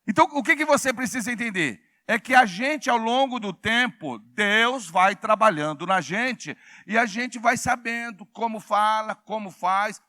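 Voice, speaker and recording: A man's voice: high-pitched, unhurried, few pauses, no room sound, clean studio sound. A pastor in his sixties preaching a sermon, calling on the congregation to repeat his words aloud. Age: 60s. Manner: call-and-response preaching, shouting prompts to the congregation. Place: church hall.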